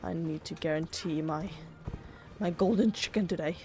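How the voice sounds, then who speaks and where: A Swedish woman whose first language is Swedish does casual gameplay commentary as a gaming YouTuber. Her gravelly voice is fairly low and dark, at normal speed, over soft background music. She is chatty and rambling, constantly saying "like."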